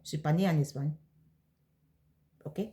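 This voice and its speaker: Speaking slowly in a deep, mellow voice with fairly even intonation, a Cameroonian woman vlogs casually. She fields viewer questions hesitantly, with lots of fillers and restarts.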